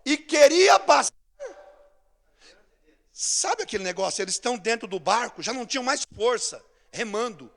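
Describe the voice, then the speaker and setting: A man with a Brazilian Portuguese accent preaching a sermon, acting out scenes, swinging between shouts and hushed asides. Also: very high voice, big pitch swings, normal speed, creaky, pauses often. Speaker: pastor. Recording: long church hall reverb.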